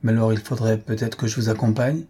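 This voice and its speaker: Male reader doing an easygoing young count, mellow and husky. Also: fairly low pitch, level tone, quick pace.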